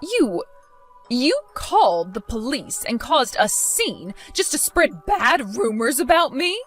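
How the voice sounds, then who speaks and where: A spiteful, scheming mother-in-law, voiced by a woman in a dramatized story, protesting her innocence in a high, swooping voice. Soft music plays beneath her. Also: big pitch swings, slow, exaggerated voice. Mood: indignant.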